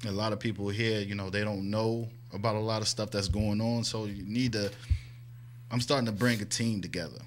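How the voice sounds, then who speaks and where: A fairly low-voiced man from New Jersey chats easily as a guest on a local radio show. He talks in a relaxed, storytelling way. A faint hiss sits under his voice. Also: brisk. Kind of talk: casual radio chat.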